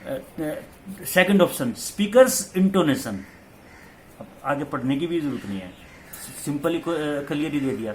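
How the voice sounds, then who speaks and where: A man's voice: mid-range voice, fairly bright tone, slight background noise. Hindi-speaking male teacher explaining exam answers. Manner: explanatory, repeats key terms, mixes in English phrases. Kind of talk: exam-question lecture.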